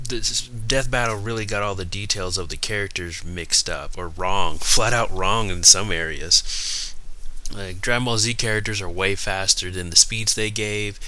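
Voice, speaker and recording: Low, very bright-voiced man rambling. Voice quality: slightly numb-mouthed articulation after dental work. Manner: rambling, halting, backtracking mid-sentence. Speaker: YouTube video host. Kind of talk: casual unscripted commentary on fan debate.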